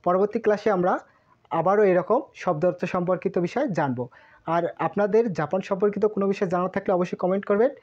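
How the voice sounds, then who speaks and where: A woman's voice: medium pitch, quick pace, a little mellow. A woman teaching a language lesson, sounding out each word syllable by syllable and repeating it several times. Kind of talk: slow spoken lesson with repeated drilling. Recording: dull lo-fi audio.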